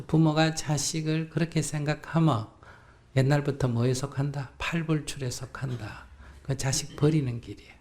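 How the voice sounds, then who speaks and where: Gravelly gyeongsang monk doing a live q&a talk, acts out both voices, lively. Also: male voice, medium pitch, slight background noise. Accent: Gyeongsang Korean. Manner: animated, acts out both sides of dialogues. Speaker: Buddhist monk answering questions.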